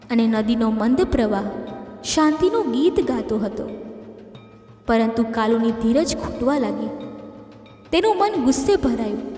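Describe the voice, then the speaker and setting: Woman storyteller, high voice, devotional tale, echoey room, music bed. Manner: even, scripted storytelling.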